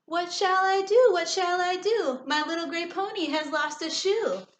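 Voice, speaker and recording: A woman's voice: very high-pitched, moderate pace, pitched above the performer's own voice. A woman voicing a worried storybook man who owns a pony, crying out in sing-song exclamations. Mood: worried, dismayed. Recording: roomy echo, noticeable background noise.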